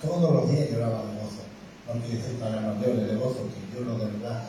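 Warm, dark-voiced preaching man, echoey church. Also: mid-range voice, fast talker, recorded from a distance, a little hiss or hum. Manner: conversational preaching with frequent tag questions; emotional, tearful. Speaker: pastor. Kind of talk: sermon. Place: church hall.

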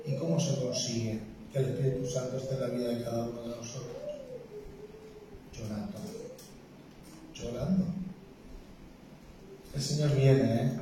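A man preaching a sermon with a Spain Spanish accent, earnest and emphatic, swinging between loud declarations and hushed words. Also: medium pitch, background noise. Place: church. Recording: very roomy church hall from a distance.

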